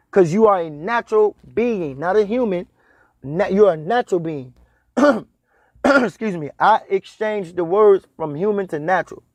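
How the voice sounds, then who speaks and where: A man in his thirties with a high voice gives a spiritual talk about what dreams mean, and there's no room sound. Like a preacher, he keeps repeating his points and stressing them emphatically.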